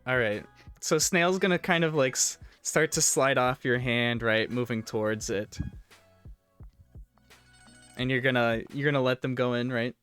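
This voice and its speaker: A man's voice: mid-range voice, unhurried, a bit bright, clean tone. A man improvising narration as the game master of a tabletop role-playing game. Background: music.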